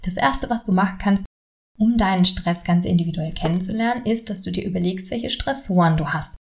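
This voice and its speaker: A stress coach with a lowish, creaky, darkish voice talks a bit quickly on her solo podcast. She speaks straight to the listener in a friendly manner and leads them through exercises on handling stress.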